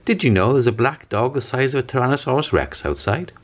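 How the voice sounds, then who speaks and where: A man voicing an excitable, urgent young child in a storybook. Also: mid-range voice, quick pace, pitched above the performer's own voice, natural voice. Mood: panicked. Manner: wailing, urgent. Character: excitable young boy and girl siblings. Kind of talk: storybook character reading.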